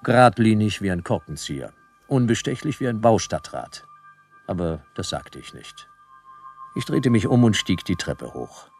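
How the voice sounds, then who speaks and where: A man's voice: lowish voice, sing-song, moderate pace, creaky, a little mellow, faint music behind. A man voicing Jonas, a world-weary private detective narrating a radio play with dry sarcasm. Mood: wry. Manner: dry, sardonic, clipped.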